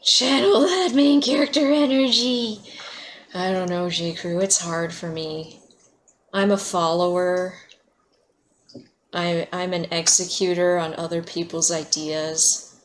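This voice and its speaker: A woman's voice: lowish voice, level tone, slow, a little hiss or hum. A woman streaming a video game, chatting casually, laughing often and answering her chat by name. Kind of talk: casual livestream chat while playing.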